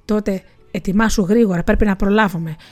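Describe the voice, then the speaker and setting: A desperate, pleading male servant wailing to his master in a storybook tale, as a woman narrator puts him on, the voice at an everyday middle pitch with faint music in the background. he begs and laments more than he speaks. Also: steady tone, a little mellow, natural voice. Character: terrified old Persian male servant, pleading.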